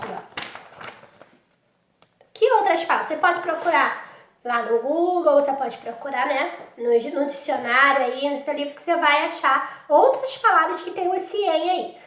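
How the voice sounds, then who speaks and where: A primary school teacher with a Brazilian Portuguese accent walks a young child through a workbook lesson in a very high voice. She is patient and addresses the child directly, sprinkling her speech with diminutives. The recording has a roomy echo around her. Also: a bit bright. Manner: patient, speaks straight to the child, fond of diminutives.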